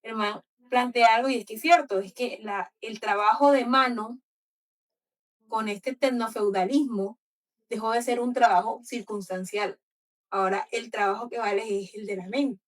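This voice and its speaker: A woman's voice: a little high, steady tone, moderate pace, distant mic, poor audio. A woman from the Colombian Caribbean coast with a coastal accent, hosting a book club discussion in a passionate, argumentative way. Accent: Colombian coastal Spanish. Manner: passionate, argumentative, many fillers.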